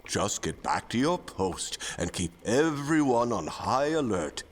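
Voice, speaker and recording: A man's voice: mid-range voice, very animated, a little slow. A merry old santa, fatherly and reassuring, really swoopy voice, big echo on it. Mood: jolly. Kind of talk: scripted audio drama acting. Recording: long reverberant hall sound.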